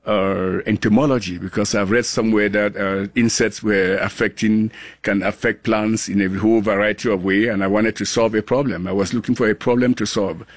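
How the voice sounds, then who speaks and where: A low-side male voice with fairly even intonation and no echo belongs to a global health scientist from Cameroon in his sixties. He speaks earnestly in a conversational interview, stopping and restarting often.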